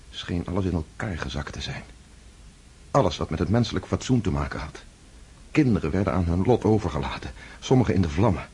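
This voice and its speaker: A man's voice: low voice, a little mellow, a little hiss or hum. An actor playing Pierre, an earnest man back from war captivity, speaking in a reflective, emotional way in a radio drama. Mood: grave.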